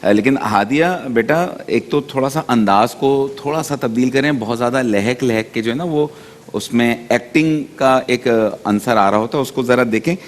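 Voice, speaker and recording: A man judging a children's speech contest, giving measured, fatherly advice with hesitant pauses. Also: mid-range voice, in a large hall. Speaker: competition judge.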